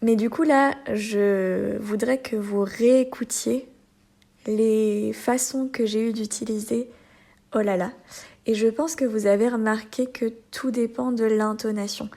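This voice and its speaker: Lively French woman teaching. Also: a little high, a little slow. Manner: lively acted examples, laughs often. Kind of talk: podcast lesson.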